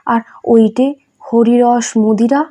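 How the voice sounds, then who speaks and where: Woman reading a gentle old male saint. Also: a little high, steady tone, slow pace. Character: elderly male saint, joyful and ecstatic.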